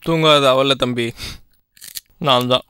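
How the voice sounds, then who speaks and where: A man's voice: mid-range voice, fairly even intonation, a little slow, pushed and bright, smooth, no echo. An actor playing a sentimental, talkative young man who is in love and tells his friends about it. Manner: emotional, rambling storyteller among friends. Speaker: young office worker in love. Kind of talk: short film acting. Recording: music playing behind.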